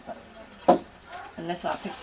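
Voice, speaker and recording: An older woman at a community farm, chatting in a plain-spoken, opinionated way. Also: unhurried. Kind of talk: casual chat. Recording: noisy outdoor recording.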